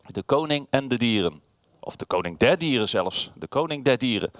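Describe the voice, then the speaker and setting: A man's voice: mid-range voice, normal speed, no room sound, clean studio sound. Een man leest een kinderverhaal voor aan een groepje kinderen, speels en met veel beweging in zijn stem. Hij spreekt de kinderen direct aan. Droog en dichtbij opgenomen, zonder galm. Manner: lively, playful, addresses children. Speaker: alderman reading to children. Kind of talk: reading a children's story aloud. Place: room with children present.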